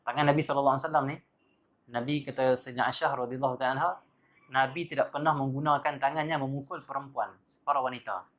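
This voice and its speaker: A man's voice: medium pitch, steady tone, fast talker, a bit bright. A man giving a religious lecture, telling stories animatedly and breaking in with devotional exclamations. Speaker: religious teacher.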